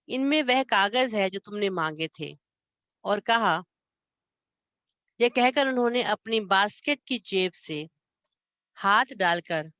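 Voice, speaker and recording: A woman reading a literary short story aloud with expressive, measured narration and adding her own commentary. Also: mid-range voice, no echo. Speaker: literature channel reader.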